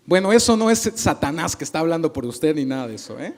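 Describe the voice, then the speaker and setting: A man's voice: on the high side, big pitch swings, quick pace, darkish tone. A male pastor preaching a sermon, asking the congregation questions and acting out little dialogues.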